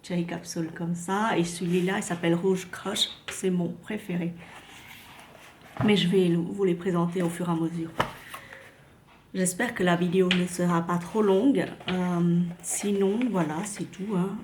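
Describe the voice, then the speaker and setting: A woman's voice: fairly low pitch, steady tone, unhurried, a little mellow, slight background noise. Chatty woman, hesitant. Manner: hesitant, many fillers and restarts. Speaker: vlogger reviewing perfumes. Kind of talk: casual chat to camera.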